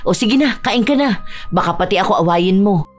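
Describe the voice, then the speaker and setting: Brief: motherly office coworker, put on by the narrator, lively, firm peacemaker. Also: mid-range voice, fairly quick, lightly acted. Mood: easygoing. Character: calm, motherly older female coworker.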